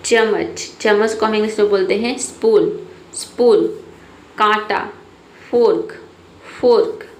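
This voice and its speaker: A woman teaching English vocabulary, repeating each word slowly and often checking in with "theek hai". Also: mid-range voice. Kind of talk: vocabulary lesson, word lists with repetition. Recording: echoey room, faint background noise.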